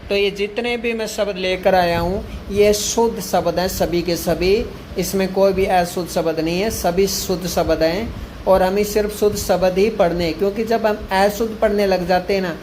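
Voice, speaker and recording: A male teacher giving an exam-prep grammar lesson, repeating each word slowly to drill it. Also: high-pitched, a little mellow, a little hiss or hum, poor audio.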